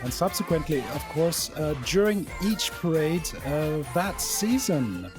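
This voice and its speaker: A man hosting a podcast in a casual chat, easygoing, laughing along and pausing on fillers. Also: fairly high pitch, expressive, over music. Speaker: podcast host.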